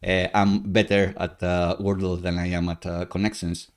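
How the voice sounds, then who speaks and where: A man in his thirties, not a native English speaker, hosts a casual live coding stream from a room at home, chatty and upbeat with lots of filler uhs and small laughs. His voice sits low with little pitch movement, at a moderate pace, clear and resonant.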